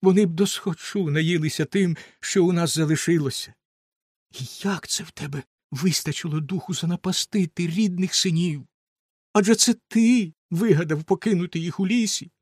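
A man reading a fairy tale aloud, voicing a grieving peasant mother who laments her lost children in a high, tearful voice. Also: normal speed, darkish tone, husky, no room sound, studio quality. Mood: reproachful grief. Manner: lamenting, sobbing cries. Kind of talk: storybook reading.

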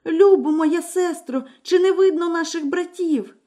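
A woman's voice: extremely high pitch, a little slow, mellow, pitched above the performer's own voice. A woman voicing a terrified young wife who pleads through tears in a fairy tale. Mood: frightened. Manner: trembling, pleading, tearful. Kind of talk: storybook character voice.

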